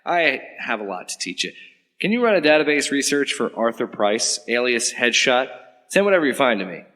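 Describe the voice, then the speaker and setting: In an audio drama, a man plays an earnest, slightly awkward government agent interrogating someone, asking questions politely and hesitantly in a questioning mood. His mid-range voice is very animated, a little fast, pushed and bright, with a long reverb tail.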